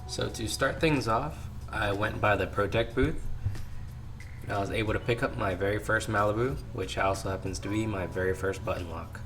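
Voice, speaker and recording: In his home garage at the workbench, a hoarse man who runs a knife-hobby channel shows off his latest haul for a laid-back vlog. His voice is lowish, still rough as he recovers from an illness, and he moves at a normal speed, filling gaps as he goes. Soft music plays behind him.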